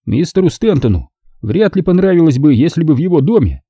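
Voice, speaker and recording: A stiff, formal butler, as a male reader puts him on, speaking without a trace of a smile. The voice sits higher than the reader's own and stays husky. Recorded dry and close. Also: sing-song, a little fast, warm tone, no echo, heavily acted. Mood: deadpan. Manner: formal, unsmiling politeness. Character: deadpan middle-aged male butler, formal.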